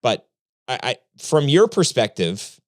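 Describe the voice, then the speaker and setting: A man hosting a podcast interview, talking casually in a rambling, halting way with many restarts and a joking streak. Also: mid-range voice, sing-song, no room sound, studio quality. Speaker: podcast host.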